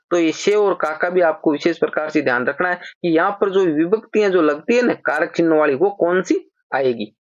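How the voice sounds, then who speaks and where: A grammar teacher with a lilt to their works through exam-prep sentence corrections at a patient, explanatory pace. They read each example sentence slowly and more than once. The recording is dry and a little dull, like a simple lo-fi setup. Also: mid-range voice, no room sound.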